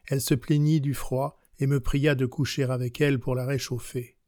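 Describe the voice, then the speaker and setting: In this audiobook of a classic novel, a man voices a passionate, worldly young countess, recounting events in a measured, unhurried way at a steady pitch. His voice sounds natural, and the recording is dry with clean studio sound.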